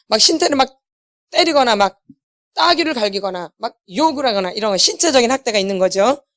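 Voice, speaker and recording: A woman's voice: high voice, a bit bright, no echo, clean studio sound. A middle-aged woman, a pastor's wife, giving a church healing lecture, asking her listeners questions and repeating the key words back to them. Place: church hall.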